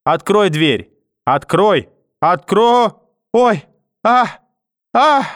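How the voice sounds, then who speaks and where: Man doing an old grandmother, hysterical, manipulative, wailing and cursing, audiobook, somewhat high voice, dry close sound. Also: animated, extremely slow, a bit bright, no room sound, full character voice. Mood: pleading threatening. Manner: wailing, pleading then cursing through a door. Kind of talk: audiobook reading.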